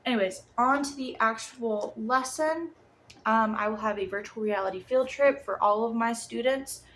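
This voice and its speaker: A woman's voice: a little high, normal speed, a bit bright. A young adult woman presenting a lesson plan informally and hesitantly, her speech slightly muffled by a sore jaw after dental surgery. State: sore jaw after wisdom tooth removal. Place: apartment room. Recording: clear background room noise.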